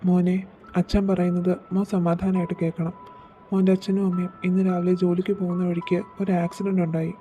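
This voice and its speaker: A woman voicing a gentle, protective middle-aged father who speaks softly and steadily. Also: on the low side, fairly quick, soft background music, close to an everyday voice. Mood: tender. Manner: soft, steady, reassuring. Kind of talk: storybook voice acting.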